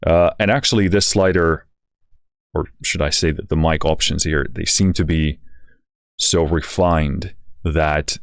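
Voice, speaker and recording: A very tired man giving a casual music software walkthrough, speaking haltingly with slightly slurred words. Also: a bass voice, fairly even intonation, clean tone, no room sound, studio quality.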